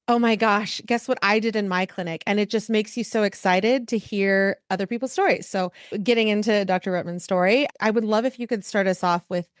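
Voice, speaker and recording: An enthusiastic woman from California hosts a podcast interview, gushing over her guest. She speaks at a middle pitch. The recording is dry and close. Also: clean tone, no room sound. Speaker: podcast host.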